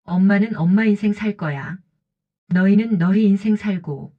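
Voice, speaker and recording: A woman's voice: mid-range voice, normal speed, lightly acted. A woman voicing a cautious, lonely woman in her late fifties who talks in short, plain sentences, on a dull lo-fi recording. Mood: firm. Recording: dull lo-fi audio.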